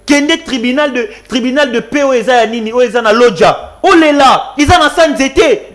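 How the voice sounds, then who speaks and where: A man's voice: very high voice, normal speed, fairly bright tone. A Congolese man giving an impassioned political talk, fiery and repetitive, switching between French and Lingala. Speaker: guest commentator.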